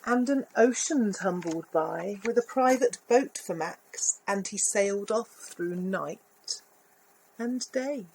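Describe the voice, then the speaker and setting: A woman reading a picture book aloud to children, expressive, with little asides about the pictures. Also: medium pitch, takes it slowly, a little hiss or hum, low-quality recording. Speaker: volunteer story reader.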